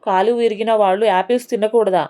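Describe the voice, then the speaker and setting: A woman voicing an older family patriarch, gentle and formal in his speech. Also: medium pitch, steady tone, fast, natural voice. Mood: puzzled.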